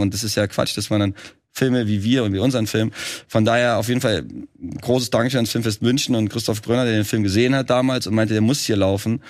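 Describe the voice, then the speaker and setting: Fast-talking rambling German man. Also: lowish voice, no echo, clean studio sound. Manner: fast, rambling, many restarts and fillers. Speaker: filmmaker guest. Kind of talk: casual podcast conversation.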